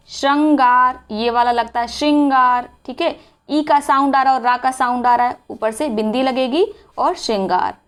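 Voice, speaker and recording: A woman teaching a spelling lesson for exam preparation, explaining step by step and asking and answering her own questions. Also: high-pitched. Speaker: Hindi teacher.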